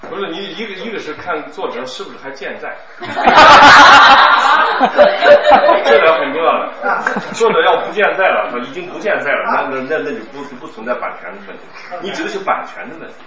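Brief: middle-aged man, recitation teacher, lively teasing delivery, recorded far off in a boomy, muffled room. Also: fast, few pauses, a crowd in the background. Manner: chatty, teasing, laughs often. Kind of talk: classroom coaching and Q&A. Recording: echoey, distant, muffled room with noise.

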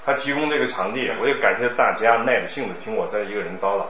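A man's voice: on the low side, fast talker, bright, forceful tone. A middle-aged man teaching recitation, coaching a student and answering questions in a chatty, teasing way. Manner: chatty, teasing, laughs often. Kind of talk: classroom coaching and Q&A. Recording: echoey, distant, muffled room with noise.

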